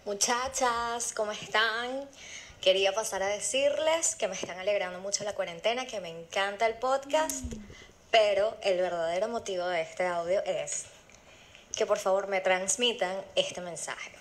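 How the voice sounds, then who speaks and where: A woman's voice: medium pitch, normal speed. A woman leaving a gushing, affectionate voice message for a podcast. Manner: warm, gushing fan message. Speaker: listener voice message. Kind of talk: recorded voice note.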